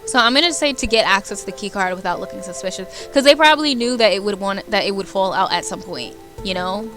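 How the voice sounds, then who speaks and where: With music playing behind her, a woman livestreams a game, reading a visual novel aloud and chatting casually and playfully. She sounds animated and fast, at a medium pitch.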